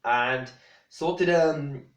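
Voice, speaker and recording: A man's voice: fairly high pitch, slow pace, echoey room. A man talking casually to camera, rambling and blunt, with many fillers and restarts. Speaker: vlogger.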